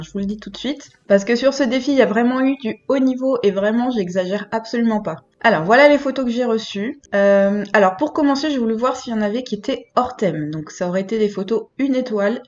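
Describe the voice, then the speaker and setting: A woman hosts a video in a fairly high voice roughened by a hoarse smoker's rasp. She talks casually and directly to her viewers, in an informal, chatty way. The recording sounds a little dull and lo-fi. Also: a little mellow. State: hoarse, recovering from illness. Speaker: host of an animal photography channel.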